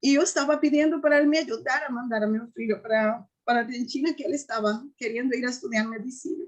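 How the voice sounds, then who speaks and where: A woman giving an earnest personal faith testimony, often halting and restarting. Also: a little high. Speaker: testimony giver.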